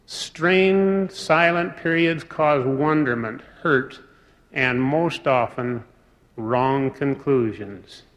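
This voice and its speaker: A man giving a formal sermon in a deliberate, measured way, pausing between phrases. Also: on the high side, fairly bright tone. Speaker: speaker. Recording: long reverb of a large hall.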